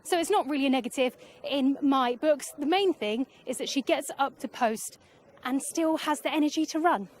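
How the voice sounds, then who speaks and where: High-voiced woman reporting from the paddock. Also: moderate pace. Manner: chatty, assessing horses as they pass. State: out of breath. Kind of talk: live horse racing paddock report. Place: outdoor parade ring at a racecourse.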